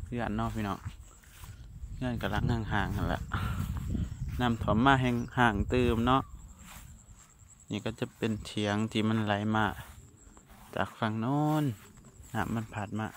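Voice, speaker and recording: A young man with an Isan accent, chatting to viewers as he walks through rice fields, with wind rushing over the mic. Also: fairly low pitch. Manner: chatty, addresses viewers as brothers and sisters. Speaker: vlogger. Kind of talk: casual walking vlog. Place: outdoors in windy rice fields. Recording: wind noise on outdoor mic. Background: wind, crickets and insects.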